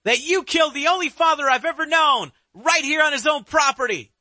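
A man's voice: extremely high pitch, brisk, sharp tone, no room sound, pitched above the performer's own voice, exaggerated voice. A man voicing a menacing male killer who taunts his victims from the darkness, his voice raised well above his own. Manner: gloating, taunting.

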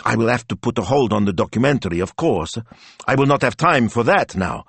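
A man voicing an eager, excitable young man who rushes breathlessly through his ideas. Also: medium pitch, husky, dry recording, voice pushed up. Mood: busy, eager.

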